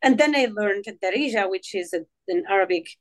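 A woman's voice: mid-range voice, animated, a little fast. A woman from Morocco whose first language is Tamazight, speaking English as a podcast guest, with many fillers and restarts. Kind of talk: casual interview talk.

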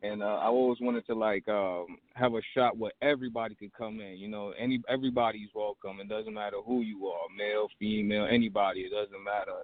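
A man's voice: lowish voice, a little fast, few pauses, dry recording. A man from Trinidad talks about his barbershop in an easygoing, rambling way, full of "you know" and "like." He calls in over a thin, tinny phone line. The sound is dry and close, with no room around his voice. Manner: relaxed, rambling with many fillers. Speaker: barbershop owner, guest. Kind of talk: casual interview chat.

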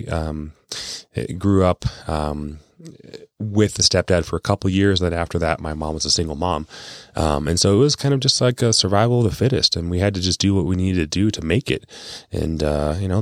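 A man with a low voice hosts his own casual financial podcast as an investment adviser, delivering a chatty, informal, rambling monologue. The recording is studio quality with no echo.

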